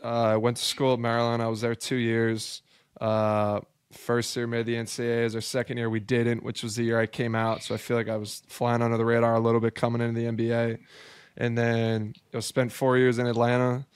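A man's voice: mid-range voice, monotone, fairly quick, clean tone, no room sound. A young man from upstate New York, a basketball player talking as a guest on a video-call podcast, easygoing and chatty. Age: young adult. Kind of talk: casual podcast conversation. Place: home studio room. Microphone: headphones with large studio mic, video call.

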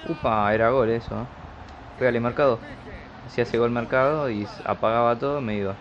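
A man with an Argentine accent and a gravelly edge commentates a football video game casually, rooting for his side in colloquial terms. The sound is dull and lo-fi, with clear noise behind him. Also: mid-range voice, fairly even intonation, a little fast. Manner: colloquial, partisan cheering on players. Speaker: YouTube gamer commentating his own match. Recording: dull lo-fi audio with loud noise.

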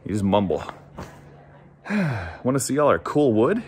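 Out on a farm, a thirty-something man films a casual vlog on a phone held at arm's length, making dry, self-deprecating jokes. He speaks at medium pitch, very animated, at a measured pace.

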